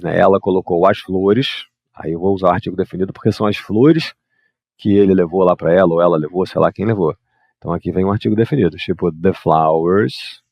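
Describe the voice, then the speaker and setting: A man from Brazil teaching English grammar, explaining exercises at a quick clip and reading model sentences slowly. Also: lowish voice, no echo. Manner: lively, switches between explaining and slow model sentences. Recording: dry, dull lo-fi mic.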